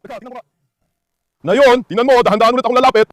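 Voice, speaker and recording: Guy with a really high voice calling his dogs over and over, dry close sound, casual vlog. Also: rapid-fire, no room sound. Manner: coaxing, keeps repeating calls and commands to the dogs; gives instructions to a helper while handling dogs. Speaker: dog owner and channel host. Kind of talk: casual vlog chatter to camera and helpers.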